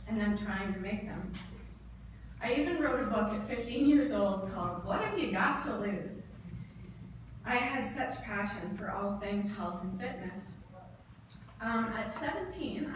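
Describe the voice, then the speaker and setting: A Canadian woman in her thirties gives a prepared motivational speech to a live audience, speaking earnestly and emphatically in short, deliberate phrases. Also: mid-range voice. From northern Ontario, Canada. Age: 30s. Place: indoor event room before an audience. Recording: echoey room, distant mic, clear background noise.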